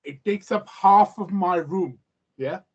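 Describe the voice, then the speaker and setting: A man's voice: high-pitched, takes it slowly, slightly rough. A man chatting casually as a participant, telling a personal anecdote and asking questions, on a muffled recording. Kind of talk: casual conversational storytelling and questioning.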